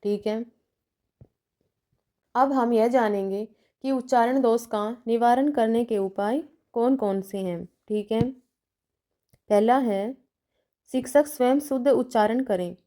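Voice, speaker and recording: Female lecturer, methodical, list-by-list delivery; pitched a little high, dark and mellow in tone. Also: slow, pauses often. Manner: methodical, enumerating numbered points with examples; checks in with "theek hai" between points. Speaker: teacher educator.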